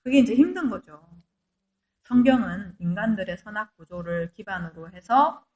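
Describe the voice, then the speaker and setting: A woman's voice: medium pitch, animated, moderate pace, a little mellow. A middle-aged woman giving a Bible lecture, conversational, asking rhetorical questions and acting out quoted inner voices.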